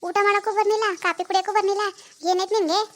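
A woman's voice: very high-pitched, steady tone, fast talker, voice pushed up. A woman voicing a caring, nagging elder sister in a village family drama. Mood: concerned. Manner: nagging, questioning.

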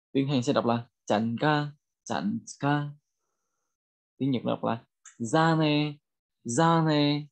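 A man with a Vietnamese accent teaching a bilingual vocabulary lesson, repeating each phrase slowly for learners. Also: medium pitch, gravelly, a little mellow. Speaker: language teacher.

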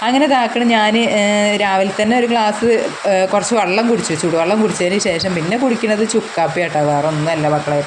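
A woman's voice: medium pitch, fast, background noise. A woman from the region with a cold and sore throat, chatting casually to viewers while cooking in her home kitchen, filmed on a handheld phone. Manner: chatty, warm address to viewers as friends, frequent tag words. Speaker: vlogger, mother.

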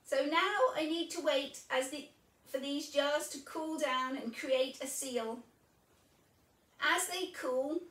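In her home kitchen, a woman in her fifties chats cheerfully while demonstrating each cooking step, her high voice carrying a fairly bright tone. A distant camera mic picks her up, giving a roomy kitchen sound.

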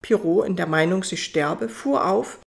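A woman reading a fairy tale audiobook as its narrator, in a calm storytelling manner. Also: on the low side, unhurried, vocal fry.

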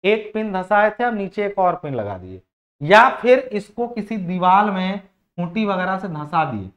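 A man's voice: high-pitched, very animated, unhurried, fairly bright tone. A man teaching engineering in a chatty classroom lecture. He repeats phrases, asks his students questions and slips English technical terms into his sentences. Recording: dull lo-fi recording.

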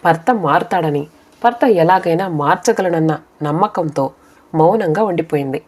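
A woman narrates a scripted short story for an audiobook. Her voice sits low for a woman. She keeps a steady storytelling pace throughout. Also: normal speed.

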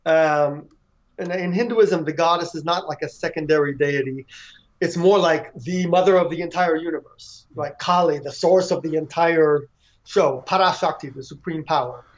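A man telling a long story in conversation, loose and relaxed, with frequent fillers and restarts. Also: a little high, normal speed, muffled recording. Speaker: author and devotee.

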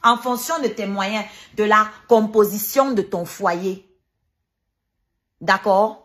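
A woman streamer takes her time, speaking slowly in a fairly bright mid-range voice during a heated livestream rant. She's sarcastic and combative, pressing her points through emphatic repetition.

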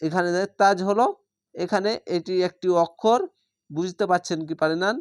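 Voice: medium pitch, normal speed, dry recording, clean studio sound. A Quran reading teacher giving an online lesson, spelling out letters and vowel marks one by one and patiently explaining each recitation rule to the viewers. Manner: addresses viewers directly, checks understanding.

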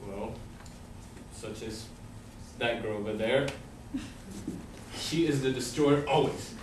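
In an amateur stage play, a young man with a slow, natural, medium-pitched voice plays a smug, mocking hooded Death who bargains for souls, his sardonic, taunting delivery full of dry scorn. A distant audience camera captured it on an indoor theatre stage, so the sound is echoey and far off with faint noise.

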